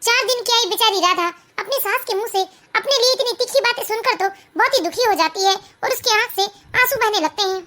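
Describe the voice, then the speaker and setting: A woman narrating an animated family story in a plain, steady storytelling manner. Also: extremely high pitch, fairly quick, few pauses.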